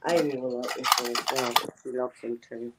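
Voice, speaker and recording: A man's voice: mid-range voice, little pitch movement, brisk, heavy background noise. A man chatting casually in an informal, self-deprecating way. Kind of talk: casual chat.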